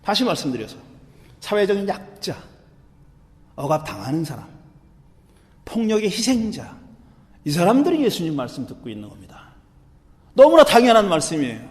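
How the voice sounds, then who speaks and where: A high-pitched male pastor preaches in a church, telling his story in an animated, conversational way and acting out the quotes along the way. A long hall reverb trails each phrase. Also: normal speed, long pauses. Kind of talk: sermon. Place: church sanctuary.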